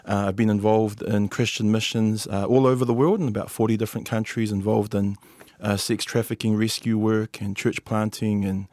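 A low-voiced man from New Zealand, whose first language is Samoan, speaks haltingly in a level, darkish tone with no room sound. He's a lawyer and policy advisor appearing as a podcast guest, giving a casual conversational introduction full of hesitation, filler sounds and restarts.

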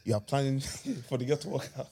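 A man's voice: medium pitch, animated, a little fast, dark tone, slight background noise. A young man in casual banter, teasing in slang with an incredulous manner.

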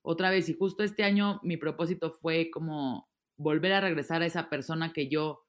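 A woman in her 30s, appearing as an interview guest, chats casually and animatedly at a moderate pace. Her voice is low-pitched, and she often trails off and starts her sentences over.

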